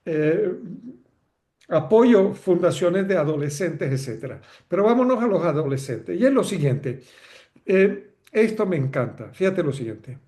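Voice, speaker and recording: Higher-voiced man lecturing. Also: sing-song, unhurried, mellow. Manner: conversational lecturing, rhetorical questions, frequent "ok?" checks. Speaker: webinar speaker on educational leadership. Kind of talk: online lecture.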